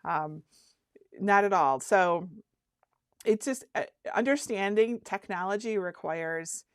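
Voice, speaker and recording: Speaking slowly in a medium-pitched voice, a craft workshop host in her fifties chats with viewers on a casual livestream, reading their comments out loud. She laughs and restarts often, and the recording is dry, clean studio sound.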